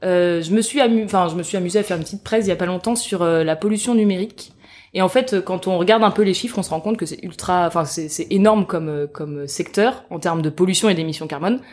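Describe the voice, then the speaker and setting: A woman's voice: fairly low pitch, fast, a little mellow. A woman talking as a guest on a podcast, chatty and hesitant, with lots of fillers, laughing easily. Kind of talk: casual podcast chat.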